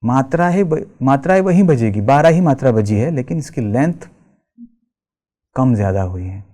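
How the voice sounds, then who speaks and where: With a warm, expressive, medium-pitched voice, a male tabla teacher gives a lecture over tabla music. He goes slowly and explains terms patiently, reciting bols rhythmically and sprinkling in English words.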